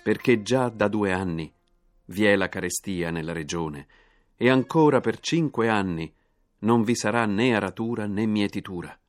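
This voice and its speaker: A man's voice: lowish voice, normal speed, lightly acted. A man reading aloud as a noble ruler revealing himself to his brothers, solemn and lifting his voice. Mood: moved. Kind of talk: scripted reading.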